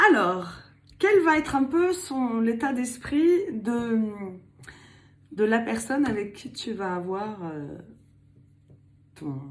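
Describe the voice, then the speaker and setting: Chatty older woman giving a tarot reading. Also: medium pitch. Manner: chatty, playful, laughs often, slips into a put-on accent. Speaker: tarot card reader. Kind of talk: casual tarot reading to camera.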